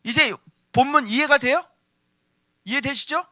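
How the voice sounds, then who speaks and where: A male pastor preaching with energy, scolding with rhetorical questions, shouting out some phrases and then dropping to a low voice. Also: a little slow, no room sound, clean studio sound. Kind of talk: sermon.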